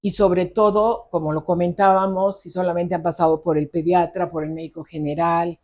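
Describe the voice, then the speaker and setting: A woman's voice: lowish voice, steady tone, normal speed, a little mellow. A middle-aged woman psychologist with a Mexican accent, telling a case story in a conversational interview and acting out the dialogue. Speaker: psychologist specializing in ADHD.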